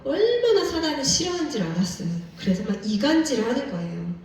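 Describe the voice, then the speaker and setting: A woman preaches a sermon to her congregation, putting question after question to them in an earnest, pleading way. She stands well back from the microphone, and the church around her is very echoey. Her voice sits at a middle pitch. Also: darkish tone, distant mic. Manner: asks the congregation many questions. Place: church sanctuary.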